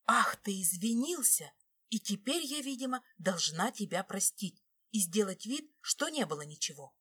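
A woman reading an audiobook voices a hurt wife, sharp-tongued and hissing in anger. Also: mid-range voice, animated, moderate pace, slightly rough. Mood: furious.

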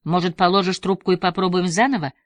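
A woman's voice: fairly low pitch, steady tone, fast, no echo, voice pushed up, close to an everyday voice. A woman voicing an exasperated, sarcastic woman talking on the phone. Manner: weary, sarcastic.

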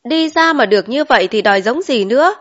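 A woman doing a talkative country mother of five, chatty and quick to exclaim, in a slightly high voice. Heard in a storybook reading on a dull lo-fi recording. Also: animated, a bit bright.

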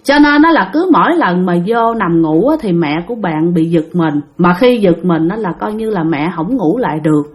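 A woman's voice: lowish voice, animated, moderate pace, few pauses. A young woman telling a ghost story in a chatty way, talking straight to her listeners. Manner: chatty, addresses listeners directly.

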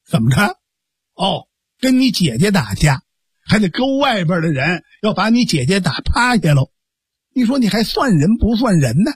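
A man's voice: sits high, sing-song, slightly rough, dry recording, full character voice. A man voicing a righteous young man who scolds and coaxes his foolish sworn brother firmly. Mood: stern. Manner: scolding, firm, measured.

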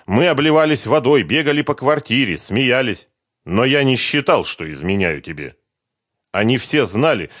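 Man doing a defensive young guy confessing, halting delivery, lively pitch, dry sound. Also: no echo.

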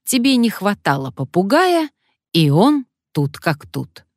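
A woman's voice: mid-range voice, sing-song, measured pace, no echo, studio quality, voice pushed up. A woman voicing a bossy, ironic middle-aged woman.

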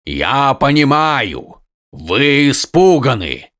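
A man's voice: fairly high pitch, lively intonation, extremely slow, pushed and bright, clean tone, no room sound, studio quality, heavily acted. A man voicing a stern aging warlord who addresses his troops in a commanding, declamatory way. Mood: rousing.

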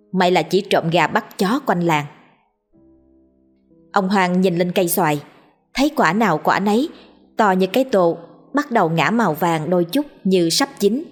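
A woman reads a storybook with lively comic timing. Her voice is husky and sits on the low side, with faint music behind her. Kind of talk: scripted audiobook narration.

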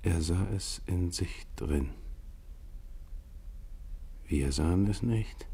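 A man's voice: deep voice, lively intonation, extremely slow, dark tone, husky, full character voice. An actor playing a grim, exhausted male polar expedition captain, narrating in a solemn, psalm-like recital for a 1950s radio play. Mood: somber.

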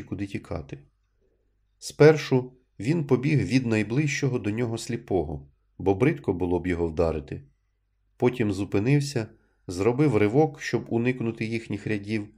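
A man narrating a literary story in an audiobook reading, with measured, even storytelling. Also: lowish voice.

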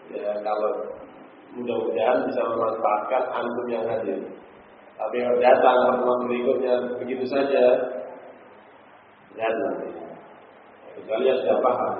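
A man's voice: mid-range voice, a little hiss or hum. Man teaching in an echoey hall. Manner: quizzing students with frequent "hah?" and "paham ya?". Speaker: Arabic grammar teacher. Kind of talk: classroom study session. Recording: echoey hall on a tinny, lo-fi recording.

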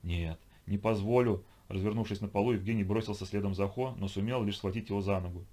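A man narrating an audiobook in a measured, even manner. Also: on the low side. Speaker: audiobook reader. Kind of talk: scripted narration.

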